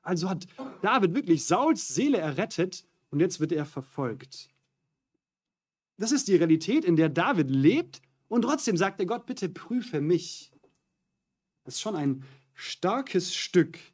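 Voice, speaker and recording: A man preaching a sermon on a psalm, earnest and steady, slowing right down whenever he quotes a prayer. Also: high voice, husky.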